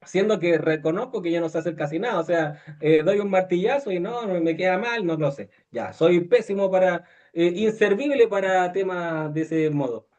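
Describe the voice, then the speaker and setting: A man's voice: high voice, normal speed, hardly any pauses, a little mellow, highs cut off. A man preaching a conversational sermon, full of hesitations and restarts, often asking his listeners questions. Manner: many fillers and restarts, asks listeners questions, acts out quoted voices.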